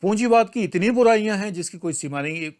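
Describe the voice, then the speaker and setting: Older Indian man, exam-prep teacher, slightly high voice, forceful scolding lecture style. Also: animated, brisk. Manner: emphatic and scolding, swings between loud outbursts and low asides. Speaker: civil services exam teacher. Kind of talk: lecture to online class.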